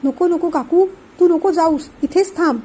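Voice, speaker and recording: A woman reading the part of a nervous young man who speaks hesitantly and softly. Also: very high voice, moderate pace, slight background noise, rough recording. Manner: hesitant, soft.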